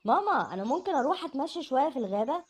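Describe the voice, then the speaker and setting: A tiny boy rabbit from a children's storybook, squeaky and very high, with an Egyptian accent. His little voice leaps up and down and rushes along, over soft background music. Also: big pitch swings, dull audio. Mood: sulky. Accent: Egyptian Arabic.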